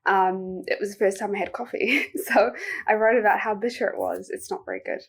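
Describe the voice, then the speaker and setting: Soft-spoken young New Zealand woman, gravelly husky voice. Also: medium pitch, steady tone, fairly quick. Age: young adult. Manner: soft, reflective, many filler ums. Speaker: poet. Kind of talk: interview answers.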